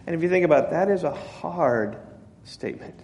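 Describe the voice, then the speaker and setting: A male pastor giving a sermon, conversational, often restarting words and rising in pitch when he quotes. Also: expressive, brisk, a little mellow, long reverb tail, highs cut off, a little hiss or hum. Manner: conversational preaching with frequent restarts, rising emphasis when quoting.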